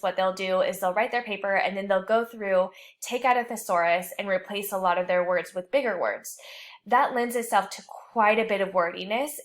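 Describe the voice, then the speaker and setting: A woman instructor walks her class through writing rules in a recorded online lecture. Her delivery is clear and explanatory, at a medium pitch, with a light joking touch now and then. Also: fairly bright tone.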